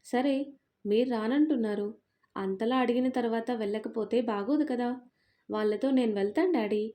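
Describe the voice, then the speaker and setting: A cheeky young daughter who whines and teases her parents with affection, as a woman puts her on. The voice sits a little high, but the tone stays warm and mellow, like a storybook read aloud. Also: normal speed, lightly acted. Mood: sweet. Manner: teasing, whiny and affectionate.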